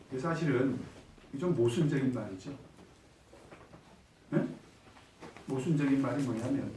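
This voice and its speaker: A man's voice: mid-range voice, a little mellow. Pastor guy teaching bible study, keeps asking the group stuff then answering it, kinda far off the mic, echoey room with faint background hum. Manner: asks the group questions and answers them himself, acts out quoted speech. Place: church room.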